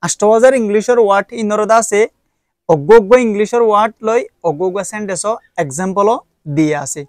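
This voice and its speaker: A man's voice: high-pitched, fairly quick, no echo, studio quality. A young man with a Rohingya accent, casually reviewing and promoting books, explaining step by step with frequent hesitations. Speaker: book reviewer. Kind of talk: casual spoken product review.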